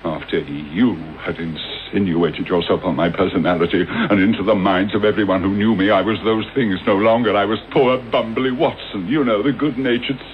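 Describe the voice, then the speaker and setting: An actor playing a bitter, vengeful middle-aged English doctor in a British radio drama, theatrical and sardonic, with deliberate articulate delivery. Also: male voice, lowish voice, steady tone, lightly acted. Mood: seething, brooding. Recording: dull, noisy old radio broadcast copy.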